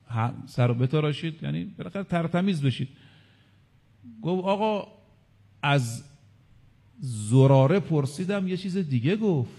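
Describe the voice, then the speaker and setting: A man's voice: medium pitch, darkish tone, in a large hall. A male cleric giving a religious lecture. He counts his points aloud and quotes Arabic sayings. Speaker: cleric preacher.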